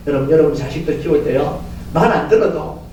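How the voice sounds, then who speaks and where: A male pastor preaching a sermon in a church, telling stories in an animated way and often acting out voices. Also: a little high, fast, highs cut off, slight background noise. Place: church sanctuary. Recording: echoey church from far off.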